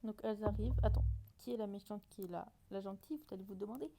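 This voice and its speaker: A woman's voice: medium pitch, steady tone, fast talker, vocal fry, warm tone. A woman chatting casually and hesitantly as she reacts to her own old videos, often mocking herself.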